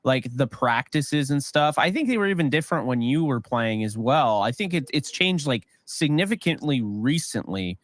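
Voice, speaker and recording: A man co-hosting a sports podcast, giving rambling, animated opinions with lots of fillers. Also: mid-range voice, normal speed, hardly any pauses, no echo. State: voice getting worn. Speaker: podcast co-host. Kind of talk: casual sports talk.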